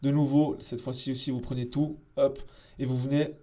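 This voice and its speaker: Casual, mellow-voiced man explaining software. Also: mid-range voice, little pitch movement, moderate pace. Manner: casual, chatty, slangy, with many fillers and asides. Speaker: SEO tutorial host. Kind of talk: casual screen-share tutorial.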